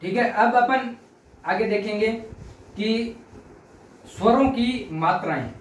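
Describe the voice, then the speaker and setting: A man with a high voice gives a lesson, explaining patiently and stretching out vowel sounds to show how long they last. He sounds set back from the mic in an echoey room, with faint noise behind him. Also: slow pace, distant mic. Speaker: teacher. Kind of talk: classroom lesson.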